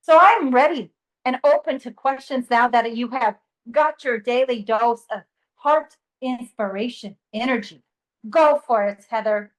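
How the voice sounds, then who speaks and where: A woman's voice: on the high side, natural voice, rough recording. A woman channeling a serene ancient sage spirit. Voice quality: slow, pausing, humming "mm" between phrases. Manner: calm, teasing, swears casually. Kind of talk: channeling session.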